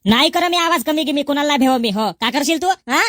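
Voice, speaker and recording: A woman's voice: sits high, animated, fairly quick, fairly bright tone, no room sound, studio quality. A woman playing a defiant young village daughter-in-law who snaps back at every jab. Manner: argumentative, snapping back. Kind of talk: rural comedy skit.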